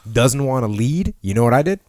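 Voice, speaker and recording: A man's voice: mid-range voice, animated, fairly quick, darkish tone. A man hosting a leadership podcast, talking in an emphatic, punchy way and repeating key phrases. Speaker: podcast host. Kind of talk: leadership discussion.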